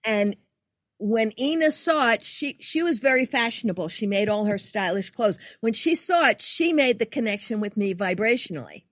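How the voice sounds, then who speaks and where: A woman's voice: a little high, normal speed, no echo, studio quality. An older woman, a guest artist, telling a story in casual conversation and acting out the quoted lines. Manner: animated, acts out quoted dialogue.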